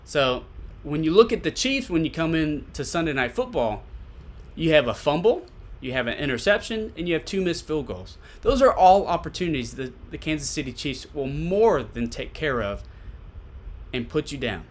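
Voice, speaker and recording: A man's voice: fairly high pitch, very animated, moderate pace. A man giving casual solo sports commentary as a podcast host, conversational and repeating points for emphasis. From Tennessee, USA.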